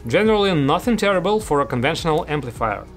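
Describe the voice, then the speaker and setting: In a small indoor studio, a thirtysomething host who reviews audio gear delivers a scripted product review straight to camera. He talks fast in a slightly high voice with big swings in pitch, while music runs behind him.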